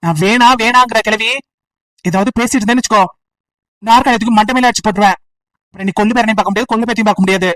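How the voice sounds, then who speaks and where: A woman's voice: fairly high pitch, steady tone, racing, long pauses, fairly bright tone, dry recording, far from the mic, voice pushed down, close to an everyday voice. A woman voicing a stubborn, bitter young village man of 28 who refuses marriage and talks curtly and threateningly. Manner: curt, threatening, sulky.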